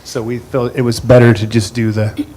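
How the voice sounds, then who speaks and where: A man's voice: mid-range voice, flat delivery, moderate pace, warm tone. A man at a board meeting explaining a resolution, hesitant with many fillers and restarts.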